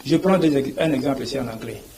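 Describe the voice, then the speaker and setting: A man's voice: medium pitch, fast talker, warm tone, poor audio. A man, a language professor explaining in a TV interview, spelling out letters and often asking whether you see. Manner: didactic, repeats "vous voyez", spells out letters.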